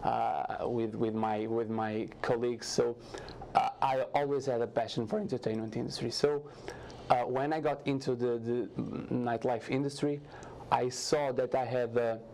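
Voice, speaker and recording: A young man from Portugal with a Portuguese accent, answering as a guest in a TV studio interview, halting with frequent restarts. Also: mid-range voice, steady tone, gravelly, a little mellow, slight background noise. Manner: halting, many restarts and fillers, earnest. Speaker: guest, startup founder.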